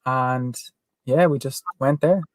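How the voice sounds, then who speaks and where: A man's voice: medium pitch, takes it slowly, darkish tone, no echo. A man with an Irish accent, a guest on a livestream, chatting casually and upbeat. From Ireland. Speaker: guest vanlife vlogger.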